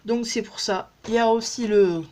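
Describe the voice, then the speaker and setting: A woman's voice: on the high side, steady tone, normal speed, darkish tone, a little hiss or hum. A woman beauty vlogger chatting casually at home through a makeup demo, rambling and joking at herself with many fillers.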